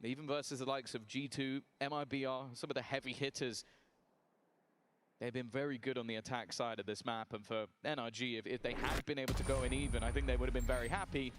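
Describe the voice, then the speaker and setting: Man, esports caster, play-by-play and analysis, medium pitch, noisy backdrop with clicks. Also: fairly even intonation, fast. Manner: esports caster delivery following the action.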